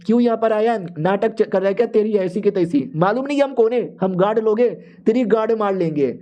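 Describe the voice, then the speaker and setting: A man voicing rude, cowardly male gate guards who talk in a rough, crude, whiny way. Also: sits high, fairly quick, mellow, muffled recording, natural voice.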